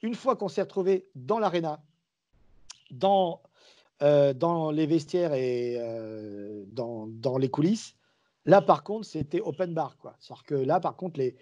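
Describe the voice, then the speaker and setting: A guest commentator on sports and wrestling, this man has a slightly high voice and an unhurried pace, and the audio sounds dull. He's a lively storyteller, sharing anecdotes in a casual podcast chat and acting out the dialogue as he goes.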